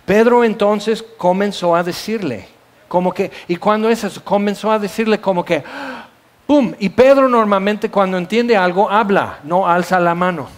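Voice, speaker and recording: A middle-aged man with a Mexican accent preaching a sermon, telling stories with sound effects and asides. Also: high-pitched.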